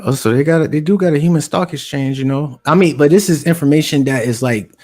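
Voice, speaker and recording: A man's voice: a little high, fast talker, darkish tone. A man hosting a live stream, laid-back and casual with slang, often repeating himself.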